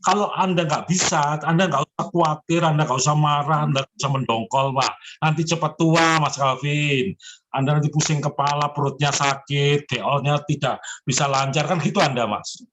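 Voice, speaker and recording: A man's voice: on the high side, steady tone, normal speed, background noise. A man in his seventies giving personal zodiac readings on a call. He speaks in an encouraging, emphatic way and addresses the listener respectfully. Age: 70s. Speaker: zodiac fortune consultant.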